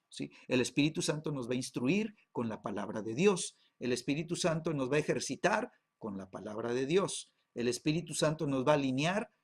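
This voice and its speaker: A man, a pastor, teaching a Bible class, peppering his talk with tag questions and halting repeats. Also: mid-range voice, vocal fry, husky.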